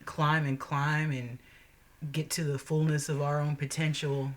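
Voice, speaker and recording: A woman's voice: sits low, flat delivery, measured pace. A woman hosting a casual group chat, playful and asking thoughtful questions.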